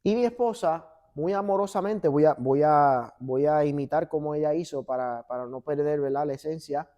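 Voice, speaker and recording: Here the highs are cut off as a pastor with a fairly high voice preaches at a normal speed in a church sanctuary. He tells stories animatedly, performing the dialogue, and mixes in banter with the congregation.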